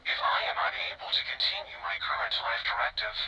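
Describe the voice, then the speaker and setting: A man voicing an emotionless male ship artificial intelligence in a video game. He speaks flatly, announcing a label before each statement. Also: quick pace, background noise, lightly acted. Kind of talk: video game character dialogue.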